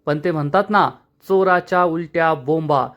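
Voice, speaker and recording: A man's voice: a little high, normal speed, a bit bright. A man reviewing a TV serial episode, narrating the plot dramatically and addressing listeners as friends.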